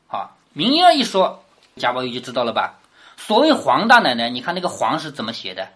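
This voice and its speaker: A woman lecturing on a classic novel at a quick clip, her pitch leaping up and down. She keeps tossing rhetorical questions at her listeners. She speaks with the patient drive of a teacher. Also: very animated. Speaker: literature teacher.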